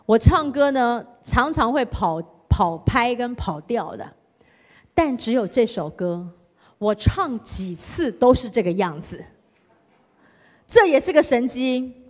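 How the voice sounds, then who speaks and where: Animated woman preaching in a reverberant church. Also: a little high, takes it slowly. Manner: animated storytelling, acts out her own whining. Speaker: guest preacher. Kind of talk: sermon testimony. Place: church sanctuary.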